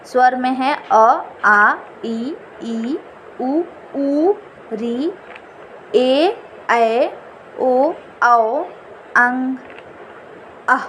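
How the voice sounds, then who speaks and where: A woman teaching an exam-prep lesson, repeating each definition slowly. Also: high voice, a bit bright, a little hiss or hum.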